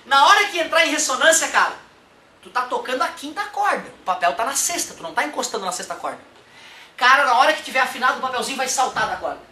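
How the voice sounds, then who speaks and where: A man teaching a casual music lesson, animated and chatty, often checking in with his listeners. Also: very high voice, quick pace. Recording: roomy echo from a distant mic.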